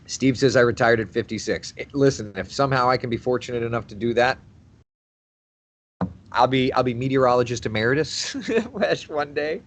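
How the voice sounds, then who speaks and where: A man's voice: mid-range voice, animated, normal speed, slight background noise. A man in his thirties, a TV meteorologist hosting a casual livestream, chatting and reading out viewer comments. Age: 30s. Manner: chatty, laughs easily, repeats phrases. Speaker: TV meteorologist host.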